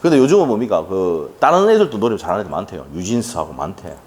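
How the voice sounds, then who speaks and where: A man's voice: deep voice, sing-song, fast, a little mellow. A middle-aged man teaching an exam-prep law lecture, firing rhetorical questions and chatty asides at his students.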